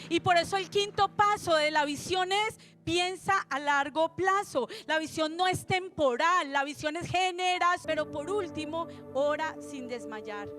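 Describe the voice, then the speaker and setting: A woman pastor preaching a lively church sermon, acting out little quotes with humor. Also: high voice. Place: church sanctuary.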